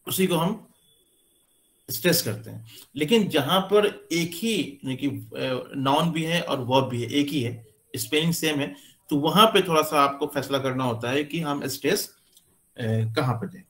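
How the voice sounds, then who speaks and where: A man giving a classroom lecture, explaining slowly with many pauses and fillers as he points to what he writes. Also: on the high side, a bit bright. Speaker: teacher. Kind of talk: classroom lecture on English stress.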